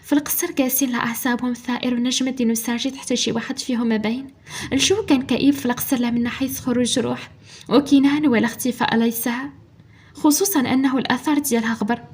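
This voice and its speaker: Fast-talking Moroccan woman storyteller. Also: on the high side, fairly even intonation, a little mellow, breathy edge. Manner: rapid, dramatic storytelling. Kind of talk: dramatic story narration.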